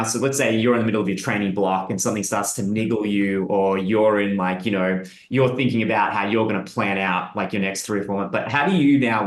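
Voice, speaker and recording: Rambling man with a low voice. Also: reverberant. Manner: rambling, fillers like "sort of things", acts out quotes. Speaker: clinic owner interviewing a former client. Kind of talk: casual explanatory interview.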